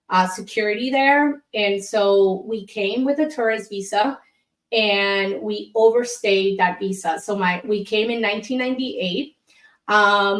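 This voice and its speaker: An immigration attorney from Colombia speaks candidly as an interview guest, using lots of fillers. Her medium-pitched voice has a fairly bright tone, and the recording sounds roomy in this casual interview.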